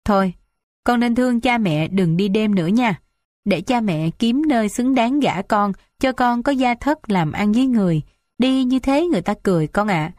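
A woman's voice: expressive, moderate pace, darkish tone, no room sound, studio quality, lightly acted. A woman voicing a scolding, dramatic old village matriarch in an audiobook. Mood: coaxing. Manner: shrill, complaining, wailing.

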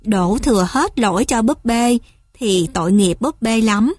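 A woman reading a stern, calm father. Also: fairly high pitch, measured pace, dry recording, clean studio sound. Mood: firm. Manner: calm, firm. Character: stern but gentle father.

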